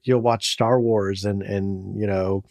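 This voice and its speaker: A man's voice: lowish voice, steady tone, slow, vocal fry, a little mellow, no echo. A man co-hosting a podcast, laid-back and casual, talking with slang and restarts.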